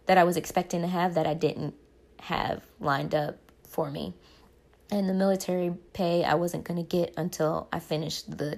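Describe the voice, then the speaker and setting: Low gravelly young woman vlogging. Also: darkish tone. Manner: rambling, self-correcting, faith-focused. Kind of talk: casual personal storytelling.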